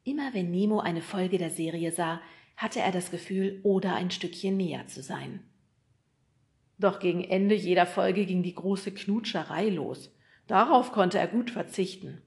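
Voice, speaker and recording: A woman reading a children's book aloud as an audiobook narrator, in a lively, expressive way. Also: on the low side, measured pace.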